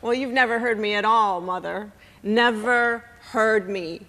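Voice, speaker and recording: A woman's voice: on the high side, a little slow, pushed and bright, long reverb tail. A woman playing a tipsy grown daughter who is blunt, sardonic and cold toward her mother in a stage play. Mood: bitter. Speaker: actor.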